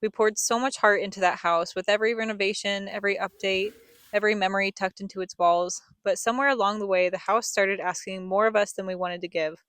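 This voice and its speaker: Young woman, scripted vlog voice-over, earnest storyteller, mid-pitched, very little room sound. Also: steady tone, fast talker, a bit bright, no room sound, studio quality. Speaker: family vlogger, co-host.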